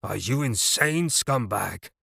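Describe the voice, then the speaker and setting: A man voicing a bald, furious male gang boss who growls and croaks his threats in an audiobook. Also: mid-range voice, expressive, slow, pushed and bright, no room sound, clean studio sound, exaggerated voice. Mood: enraged. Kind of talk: audiobook character voice.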